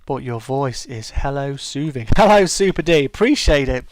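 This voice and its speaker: A middle-aged streamer with a smooth, soothing, medium-pitched voice talks expressively at a moderate pace on a dry recording. In this casual live chat he reads comments from viewers and answers them. He's sociable and chatty, with many stammers and false starts.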